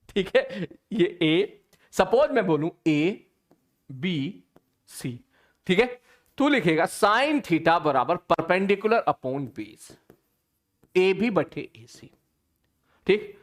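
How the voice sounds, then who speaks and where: A man teaching a live online physics class, chatty and teasing, talking to his students informally. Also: a little high.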